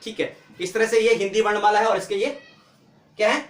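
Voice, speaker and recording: A man teaching the alphabet, spelling out each letter slowly and answering his own questions as he explains. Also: high-pitched, roomy sound. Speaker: language teacher. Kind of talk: explaining lesson.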